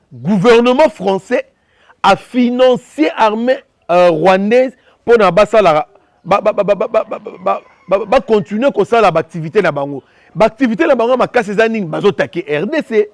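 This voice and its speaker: Speaking quickly and with passion, a man from Congo gives his opinions, moving back and forth between French and Lingala and repeating points. His voice is high-pitched and the audio has no echo.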